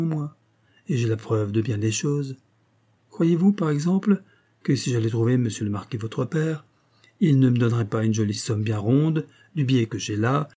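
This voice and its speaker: A man's voice: medium pitch, dark tone, breathy edge, natural voice. A man voicing an old male blackmailer who whines with false humility and sly mockery, in a read-aloud novel. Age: older. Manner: wheedling, falsely humble, mocking.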